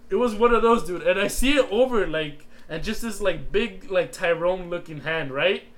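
A man's voice: high-pitched, animated, moderate pace. A young man co-hosting a casual podcast, telling rambling, laugh-filled stories full of "like" and "right?". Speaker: podcast co-host. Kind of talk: casual storytelling chat.

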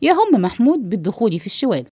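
A woman reading a play aloud, giving stage directions in a measured way. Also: on the high side, very animated, warm tone, breathy edge. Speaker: reader of a play.

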